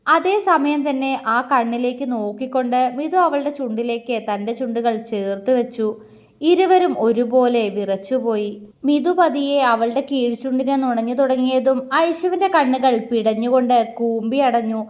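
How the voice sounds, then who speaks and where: A woman storyteller reading a romance story aloud in a soft, gentle narrating voice. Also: high-pitched, normal speed.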